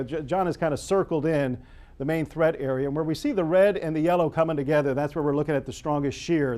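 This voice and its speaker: An American TV weather forecaster with a fairly high-pitched, mellow voice ad-libs live storm coverage. His delivery is explanatory and unscripted.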